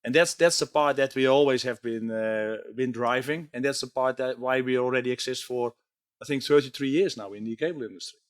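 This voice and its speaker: A man's voice: medium pitch, fairly quick. A man being interviewed at a trade show who speaks earnestly, with many fillers, his voice strained from a day of talking. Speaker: company technology chief. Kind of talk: conversational interview.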